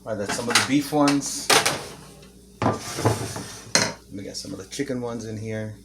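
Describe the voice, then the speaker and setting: A man's voice: mid-range voice, a little slow, heavy background noise. A man hosting a casual home cooking video, chatting and joking as he works and eats. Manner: chatty, joking, talks while eating. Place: home kitchen. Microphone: camera mic, no camera operator.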